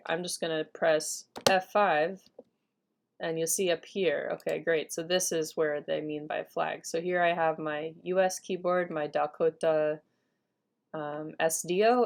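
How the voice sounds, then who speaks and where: A woman with a low-pitched voice records a step-by-step computer tutorial. She sounds upbeat and talks casually, with fillers between steps, into a desktop mic. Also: vocal fry. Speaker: language teacher giving a software tutorial.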